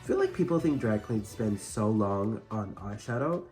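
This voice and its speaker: A man's voice: on the low side, expressive, normal speed, darkish tone, soft background music. A man with a campy, dryly self-deprecating drag queen delivery, chatting casually through a makeup tutorial.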